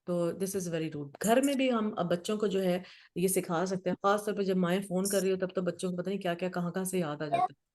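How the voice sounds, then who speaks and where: Mellow-voiced woman leading a parenting talk. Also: lowish voice. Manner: explains warmly with personal stories, mixing English phrases. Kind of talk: casual group discussion.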